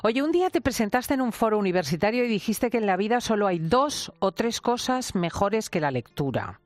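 A woman hosting a radio interview, asking measured, poised questions. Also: mid-range voice, big pitch swings, no room sound, faint music behind.

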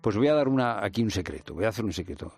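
Gravelly low man, light Andalusian accent. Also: big pitch swings, rapid-fire, darkish tone, soft background music. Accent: light Andalusian Spanish. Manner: hesitant, many fillers and restarts. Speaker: guest journalist and documentary maker. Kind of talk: radio interview conversation.

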